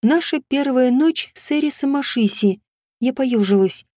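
A woman reading a first-person audiobook in a measured, steady storytelling manner. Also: high-pitched, no room sound, clean studio sound. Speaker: audiobook narrator.

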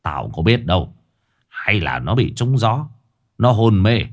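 A man voicing a blunt older village elder who barks orders in a gruff way in an audio story. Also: lowish voice, big pitch swings, measured pace.

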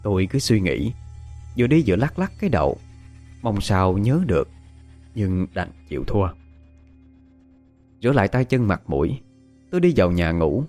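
A man narrating a ghost story in a dramatic, expressive storytelling manner. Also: fairly low pitch, normal speed, long pauses, soft background music. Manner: dramatic, expressive, panicked cries in character.

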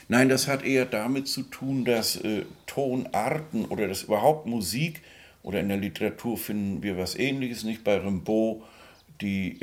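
A man with a fairly low, reverberant voice explains things spontaneously as a music expert. He wanders as he talks, hunts for words, and keeps seeking agreement.

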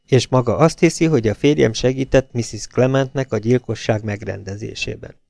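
A man voicing a composed young wife who speaks quietly and then eagerly. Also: mid-range voice, gravelly, no room sound, natural voice.

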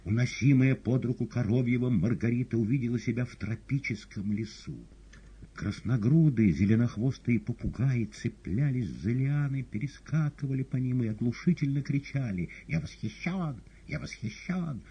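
A man narrating a novel as an audiobook in an expressive, dramatic reading. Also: medium pitch, normal speed, breathy edge, dull audio. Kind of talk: scripted literary narration.

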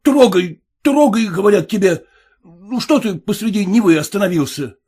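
A man voicing a nervous, haughty gentleman passenger who talks in an indignant, demanding way. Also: high voice, expressive, normal speed, husky, voice pushed up. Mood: suspicious, indignant.

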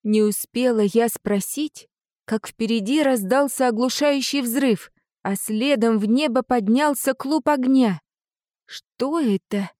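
A woman narrating a first-person fantasy audiobook in an expressive, lively way. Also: mid-range voice, dry recording, clean studio sound.

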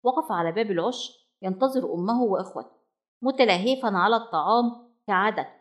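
A woman narrating a children's storybook in a measured, expressive reading voice. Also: mid-range voice.

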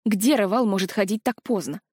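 A woman's voice: medium pitch, brisk, mellow, husky, no room sound, close to an everyday voice. A woman voicing a stubborn young heroine in her own plain storybook voice, earnest and dry. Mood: worried.

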